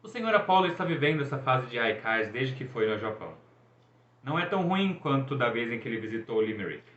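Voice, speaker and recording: A man's voice: mid-range voice, very animated, quick pace, a bit bright. A man voicing a formal, bittersweet young huntress with a dry manner. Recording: echoey, dull room recording.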